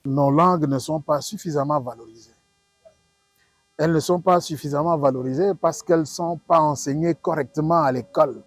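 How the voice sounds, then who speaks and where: A husky male professor and linguistics expert from the Democratic Republic of the Congo explains things to an audience in an interview, speaking with a Congolese French accent. His voice is a little high and darkish, recorded dry and close, and his manner is didactic and emphatic, full of rhetorical questions and repetition.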